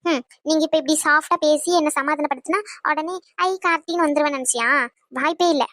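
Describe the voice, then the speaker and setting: A woman's voice: high-pitched, fairly even intonation, fairly quick, a bit bright, no room sound, studio quality. A woman playing a sulky, proud young girlfriend in an audio drama romance. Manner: sulky, pouting.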